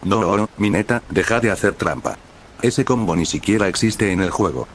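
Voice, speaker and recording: A man voicing a loud, silly teenage boy who complains and jokes. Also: fairly low pitch, lively intonation, normal speed, slight background noise. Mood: rowdy.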